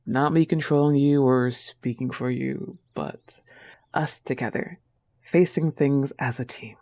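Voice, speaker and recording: Playing the same teasing, possessive wolf-girl girlfriend, the young woman speaks at an extremely low pitch, unhurried and warm. Often breathy in this intimate roleplay, she sounds tender and earnest.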